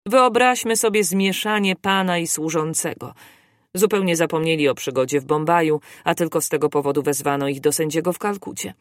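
An audiobook narrator reading a classic novel in a steady, measured storytelling voice. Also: medium pitch, no echo, clean studio sound. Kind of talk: scripted narration.

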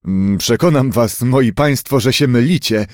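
A man voicing a polite, calm gentleman on a train, speaking in a soothing way. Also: medium pitch, measured pace, dry recording, clean studio sound, lightly acted. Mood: placating.

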